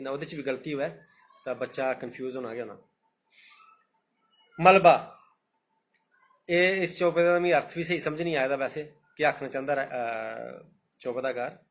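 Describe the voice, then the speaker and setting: A man with a Dogri accent speaks somewhat higher than most men. He teaches in a loose, talky way and keeps repeating his points. When he recites verse he slows right down. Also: a bit bright. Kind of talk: live-streamed talk on poetry.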